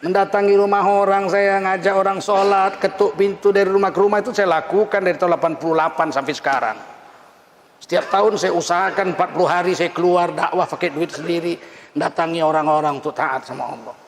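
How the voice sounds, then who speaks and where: High-voiced preacher in an echoing hall. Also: male voice, fairly even intonation, fast, a little hiss or hum. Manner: teasing, laughing, mimics people he mentions. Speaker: Islamic preacher. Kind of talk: lively humorous sermon. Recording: echoey hall, faint ambience.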